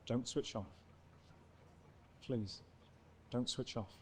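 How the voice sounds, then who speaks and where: An actor playing an earnest resistance activist making a solemn, pleading political appeal in a video game. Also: male voice, mid-range voice, slow pace, lightly acted. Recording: noisy homemade videotape.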